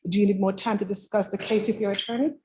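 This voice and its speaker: A woman's voice: mid-range voice, steady tone, fast talker, warm tone. Woman reading formal court oath questions. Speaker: court clerk.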